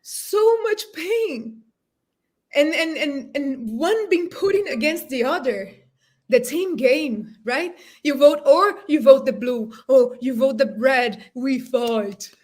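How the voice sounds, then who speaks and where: A Brazilian woman in her thirties, a native Portuguese speaker with a Brazilian Portuguese accent, joins an impassioned panel discussion by video call. Her voice is high and darkish with lively intonation, and she speaks slowly. She is earnest and emotional, often searching for words.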